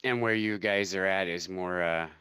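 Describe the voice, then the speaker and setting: A man acting as game master, narrating a tabletop game with a joking manner. His voice sits a little low. It sounds dry and close, with no room around it. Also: normal speed, sharp tone, smooth, dry recording. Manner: joking, laughs easily.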